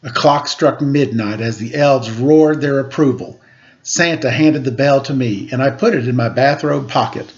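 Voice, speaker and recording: A man's voice: medium pitch, moderate pace, dull audio. A man reading a children's picture book aloud as a storyteller. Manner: acts out quoted dialogue.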